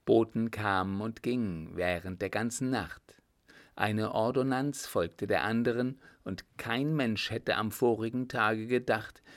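Man reading a story aloud, slow and low, calm even narration. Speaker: audiobook reader. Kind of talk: scripted narration.

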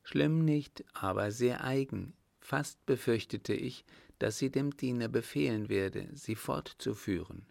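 An earnest, timid young French noblewoman, read by a man who lifts his low voice slightly. She speaks slowly and with care. The gravelly tone sits close and dry, with no room around it. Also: a little mellow, no echo.

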